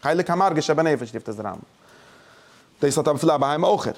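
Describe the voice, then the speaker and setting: A man's voice: fairly high pitch, lively intonation, fast talker. A man teaching a religious study lesson, explaining emphatically and often breaking off and restarting, mixing German with English words.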